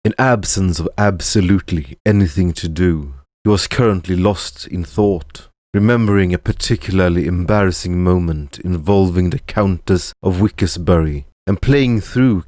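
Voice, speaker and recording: Deep, slow male storyteller. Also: darkish tone, no echo, clean studio sound. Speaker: narrator and voice actor. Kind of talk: storybook narration of a fantasy tale.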